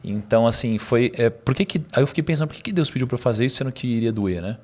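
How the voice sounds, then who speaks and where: Fast-talking Brazilian man telling a story. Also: medium pitch. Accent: Brazilian Portuguese. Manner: animated, slangy, laughs mid-story. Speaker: podcast guest. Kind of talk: storytelling in casual conversation.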